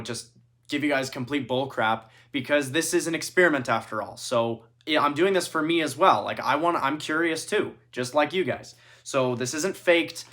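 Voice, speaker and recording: A man hosting an experiment video series talks casually in a vlog, explaining things and frequently saying "like" and "basically." His mid-range voice is fairly bright, picked up by a distant mic with roomy echo, indoors and later in an echoey bathroom.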